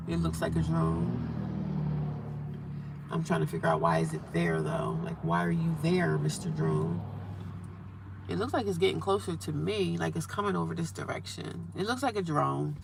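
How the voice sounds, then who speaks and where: Gravelly-voiced woman chatting on a live stream. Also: lowish voice, sing-song, normal speed, pauses often. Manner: chatty, repetitive, greets viewers and reads comments aloud. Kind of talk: casual live-stream chat. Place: parked car beside a highway. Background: faint traffic noise.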